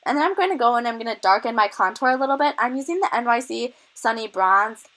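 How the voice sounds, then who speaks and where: A woman's voice: a little high, expressive, fast, fairly bright tone, rough recording. A young woman with a cold, a little out of breath, chatting enthusiastically through a makeup tutorial as a beauty vlogger. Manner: chatty, enthusiastic product tips.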